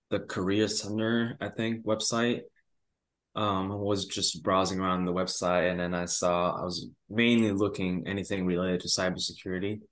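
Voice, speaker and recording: A young man from Rwanda, a university student, answering interview questions casually with many hesitant fillers. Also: deep voice. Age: young adult.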